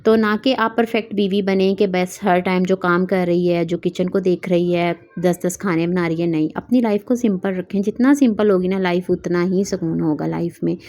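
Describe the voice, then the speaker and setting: Earnest thirties woman with a mellow voice. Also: fairly low pitch, moderate pace, few pauses. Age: 30s. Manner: earnest, mixes English words into Urdu-Hindi speech. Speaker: vlogger giving advice to wives. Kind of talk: casual advice monologue.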